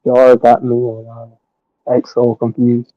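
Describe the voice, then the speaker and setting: A man's voice: medium pitch, completely flat delivery, slow, crowd noise. A man in a casual gaming voice chat, his voice muffled as if heard through a wall, laid-back and a little confused. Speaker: caller joining a voice chat. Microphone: voice call. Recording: muffled lo-fi call audio.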